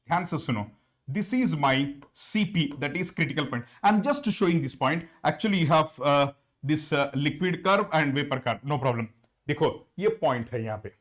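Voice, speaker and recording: A man with an Indian accent teaching an engineering class, switching between Hindi and English and repeating phrases to reassure his students. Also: fairly high pitch. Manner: repetitive, reassuring, calls students "sirs". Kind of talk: lecture mixing Hindi and English.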